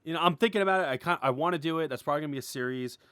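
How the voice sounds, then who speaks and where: His voice a little high, clean and fairly bright, an indie series creator and animator-writer fires off a rapid, rambling update to followers. The recording is dry; he gushes informally and uses "like" heavily.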